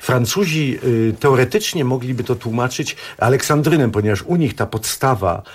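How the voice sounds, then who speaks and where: A man's voice: medium pitch, expressive, normal speed, a little hiss or hum. A man speaking as a translator guest in a radio studio discussion, explaining thoughtfully with restarts.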